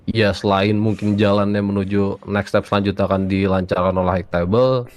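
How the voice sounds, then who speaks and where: Man, fairly low voice, casual roleplay chatter, slangy and thinking aloud. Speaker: roleplay player. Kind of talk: casual in-character chat.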